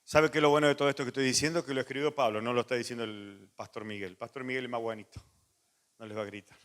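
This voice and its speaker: A man, a pastor preaching a sermon, animated and moving between loud emphasis and soft asides. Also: medium pitch, very fast. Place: church hall. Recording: long church reverb.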